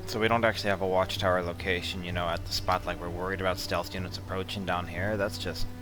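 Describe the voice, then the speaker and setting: A man giving relaxed, blunt commentary while walking through a strategy game, with mildly profane asides. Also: low voice, fast, over music. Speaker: strategy game guide presenter. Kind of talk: casual gameplay commentary.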